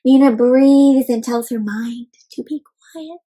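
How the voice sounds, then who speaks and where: A woman hosts an interactive picture-book read-aloud for young children. Her voice is high-pitched and slow, and she reads expressively, speaking directly to her listeners and asking them questions.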